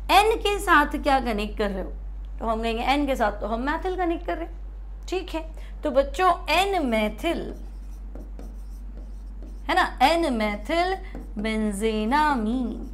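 At the board, a chemistry teacher from India speaks in a high voice, working through every step slowly. She keeps repeating key terms and asks her students questions, then supplies the answers herself.

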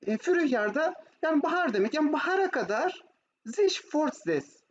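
A woman's voice: high voice, lively intonation, fast talker. A woman with a Turkish accent teaching German online, switching between Turkish and German as she explains and asks checking questions. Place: online video class with screen share. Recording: muffled, noisy online call audio.

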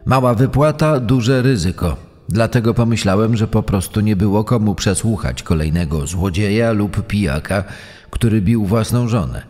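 A man reading a true-crime story in a measured, dramatic way, with a long reverb on his voice. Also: on the low side, darkish tone, soft background music. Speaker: podcast narrator. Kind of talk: scripted true-crime narration.

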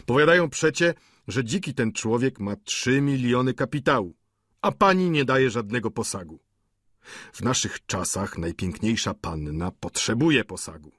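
A husky-voiced man playing a sly, mocking middle-aged lodger in an audiobook, telling gossip with swagger. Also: mid-range voice, expressive, normal speed, fairly bright tone, dry recording, clean studio sound.

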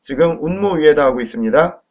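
A man gives a friendly recorded language lesson and keeps turning to the viewer with quick questions. His voice sits a bit high for a man. The sound is dull and lo-fi. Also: lively intonation. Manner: talks to viewers with quick questions, models pronunciation loudly. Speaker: Chinese language teacher. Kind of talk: friendly classroom lecture.

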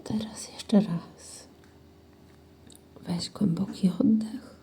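A woman guiding a breathing meditation in slow, soothing whispered instructions. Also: mid-range voice, steady tone, dark tone. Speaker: meditation guide.

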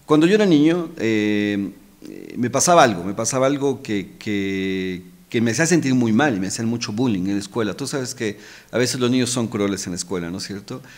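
A man's voice: lowish voice, fairly quick. A middle-aged man, talking as a podcast guest in a heartfelt, emotional way, often repeating words and adding little tag questions. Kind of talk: casual heartfelt conversation. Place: podcast studio.

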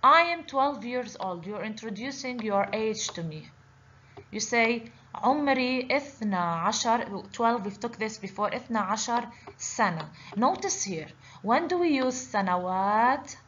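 An Arabic teacher with a fairly high, bright, expressive voice walks through an online language lesson over slides at a moderate pace. She explains patiently, step by step, often checking in with "okay?". The slide voice-over is slightly dull and lo-fi, with faint hiss.

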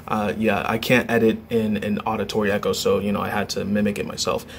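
A man's voice: lowish voice, monotone, quick pace, vocal fry, slight background noise. A teenage young man chatting casually in a vlog, joking and correcting himself as he rambles along. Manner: jokey, rambling, self-correcting. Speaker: vlogger.

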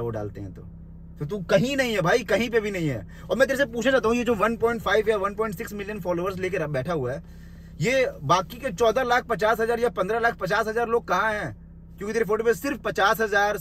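A man's voice: high-pitched, a bit bright, a little hiss or hum. A young man in a small room delivering an angry, insulting rant into his phone, mocking and confrontational. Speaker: social media commentator.

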